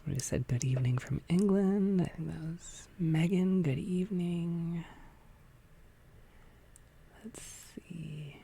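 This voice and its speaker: Creaky, whispering young adult ASMR livestreamer. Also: mid-range voice, slow pace, long pauses. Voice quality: faint clicking from a tongue piercing. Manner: soft-spoken, hesitant, informal. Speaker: ASMR content creator hosting a livestream.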